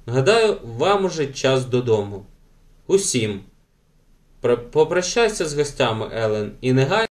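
A man's voice: mid-range voice, very animated, moderate pace, close to an everyday voice. A man voicing a stern mother in an audiobook, firm and reproachful. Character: stern mother of a young girl.

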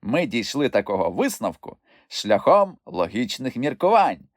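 A man voicing an eager, brave young male troll who speaks in an excited, raised voice in an audiobook. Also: mid-range voice, measured pace, no echo, clean studio sound. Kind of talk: audiobook character voice.

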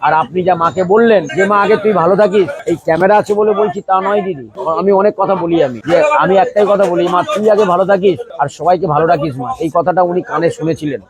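A middle-aged man runs a street food stall and chats effusively with customers. He is devout, chanting praises and rattling off his dishes. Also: high-pitched. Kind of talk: casual chat while serving customers. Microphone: vlogger's handheld camera. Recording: noisy street crowd behind. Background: crowd chatter.

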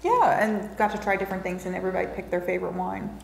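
A woman who sells wine, talking through pairings in a thoughtful, measured way. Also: on the low side, steady tone, gravelly. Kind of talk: casual chat over food and wine. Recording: echoey room, faint noise.

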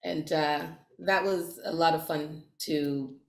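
Low-voiced actress in a roomy space. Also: female voice, steady tone, takes it slowly. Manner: thoughtful, searching for words. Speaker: actor. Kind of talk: interview answers.

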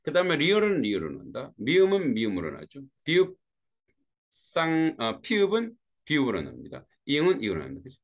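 A male teacher walks his students through a grammar lesson, his voice rising and falling as he explains. He checks in with the class after each point and stays conversational. He is teaching from a warm room with a fan. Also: fairly high pitch, huge pitch swings, brisk. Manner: greets students by name as they join.

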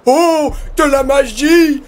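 A man voicing a dazed, childlike old man in an audio story, crying out excitedly. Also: very high-pitched, slow pace, pitched above the performer's own voice. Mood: overjoyed.

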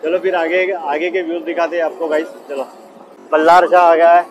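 A young travel vlogger gives loud, excited running commentary on a train journey, calling his viewers "guys" as he describes the crowded coach. His voice is on the high side and brisk, and the chatter of a packed crowd and train noise fill the background.

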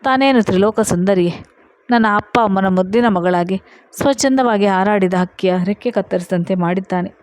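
A woman narrating a scripted love story at an even, steady reading pace. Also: medium pitch, moderate pace, no room sound, poor audio.

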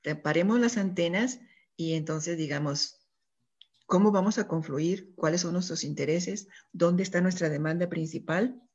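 Earnest woman, low husky voice. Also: moderate pace, darkish tone. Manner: earnest, keeps checking in with listeners. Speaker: guest speaker. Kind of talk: radio panel talk. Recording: dull lo-fi radio recording.

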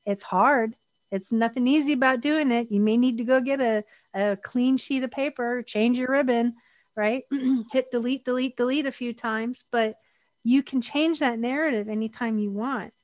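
A woman's voice: a little high, moderate pace, no room sound. A middle-aged woman, a guest on a podcast interview, speaking candidly and laughing often.

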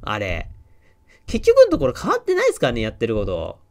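A man's voice: medium pitch, huge pitch swings, brisk, a little mellow. A man joking his way through commentary on a game he is playing, dropping laughing asides as he goes. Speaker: game streamer. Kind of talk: let's play commentary.

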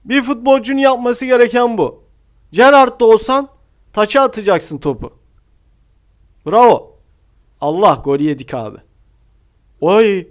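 A young man playing a football scout and commentating his mobile football match live, shouting and half-singing at goals, then dropping to low mutters. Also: unhurried, long pauses. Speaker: gaming YouTuber playing a scout role.

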